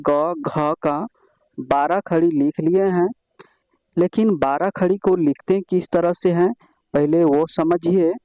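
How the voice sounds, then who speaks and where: A man teaching reading as a teacher, reciting letters and syllables one by one in a slow, deliberate classroom style. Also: a little high, dark tone, low-quality recording.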